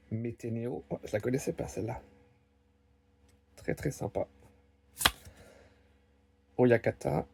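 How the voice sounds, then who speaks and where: A man talks his way through opening a box of trading card packs at an unhurried pace, naming each card as he flips it. His voice has a gravelly fry, and a faint hiss sits under the recording. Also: mid-range voice. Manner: slow, musing, lists card names one by one. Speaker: card-opening video host. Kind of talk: casual unboxing commentary. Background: crinkling card wrappers.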